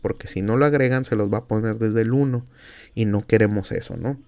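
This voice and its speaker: Low gravelly Mexican instructor. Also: male voice, brisk, darkish tone. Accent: Mexican Spanish. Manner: explains step by step, thinking aloud with fillers. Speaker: university instructor. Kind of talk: screen-recorded software tutorial.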